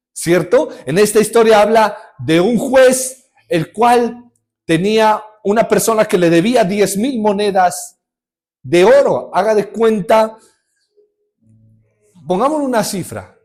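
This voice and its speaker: Male pastor, high-pitched and lively, jokes through his sermon storytelling. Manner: lively storytelling with humor and rhetorical questions.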